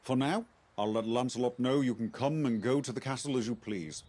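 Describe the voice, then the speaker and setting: A man playing a composed knightly officer in a game, speaking formally and deliberately as he recruits and instructs. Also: medium pitch, a little mellow, lightly acted. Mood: earnest, authoritative. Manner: formal, measured, articulate. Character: measured Arthurian knight-officer recruiting an outsider to investigate. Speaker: quest-giving game character. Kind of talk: scripted game dialogue.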